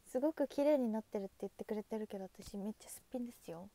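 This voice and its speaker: A woman's voice: medium pitch, rapid-fire, dark tone. A young woman chatting casually on a livestream, thanking viewers by name and saying goodnight. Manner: chatty, reads viewer names and thanks them, waves goodbye. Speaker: idol livestreamer.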